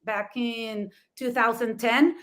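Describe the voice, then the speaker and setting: With a slightly high, somewhat bright voice and fairly even intonation, a middle-aged woman from Mexico shares her story on a talk show she co-hosts. A florist and native Spanish speaker with a Mexican accent, she speaks slowly, laughs often, sounds enthusiastic, and keeps rephrasing with "I mean."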